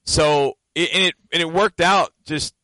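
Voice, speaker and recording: Rambling self-assured man, slightly high. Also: a little slow, sharp tone, no echo, rough recording. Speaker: co-host and draft analyst. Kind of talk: casual sports chat.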